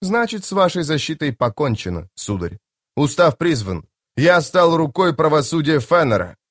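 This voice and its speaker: A man's voice: fairly high pitch, very animated, moderate pace, a bit bright, no room sound, clean studio sound, voice pushed up. A male audiobook reader voicing a stern, formal knight commander who speaks in clipped phrases. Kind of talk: audiobook character voice.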